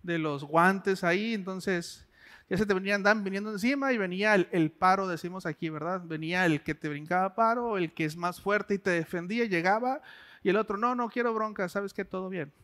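A man's voice: high voice, brisk, a bit bright. A man preaching a sermon in a conversational way, asking the listener direct questions.

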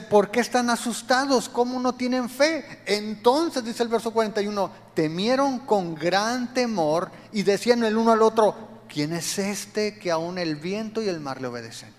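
A man preaching a sermon, animated, acting out the voices he quotes. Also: high-pitched, big-room sound.

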